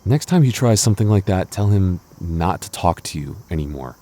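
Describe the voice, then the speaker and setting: In this intimate audio roleplay, a man with a low, mellow, expressive voice plays a jealous, protective young boyfriend at a moderate pace. Annoyed and possessive, he stammers and gets defensive yet stays loving, dropping teasing asides.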